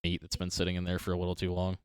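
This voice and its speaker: A man's voice: low-pitched, monotone, racing, darkish tone, smooth, dry recording, clean studio sound. A man narrating a tabletop game as dungeon master, describing scenes loosely with lots of fillers.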